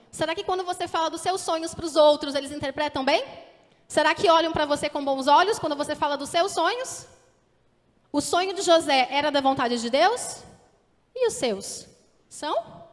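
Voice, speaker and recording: A Brazilian woman in her thirties, a teacher, giving an earnest sermon testimony and asking the congregation direct questions. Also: high voice. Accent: Brazilian Portuguese. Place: church hall. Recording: echoey hall with long reverb.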